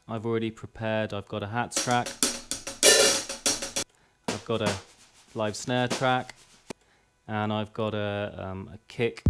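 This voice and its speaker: A man with a lowish, clean-toned voice demonstrates music production software in an informal tutorial. He goes step by step, a bit hesitantly, while drums and music play in the background.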